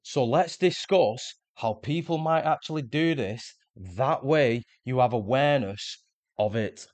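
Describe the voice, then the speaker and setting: A man's voice: medium pitch, unhurried, darkish tone, slight background noise. A man, earnestly explaining self-improvement ideas in a scripted motivational monologue. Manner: earnest, explanatory, repeats words when restarting. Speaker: self-improvement video host.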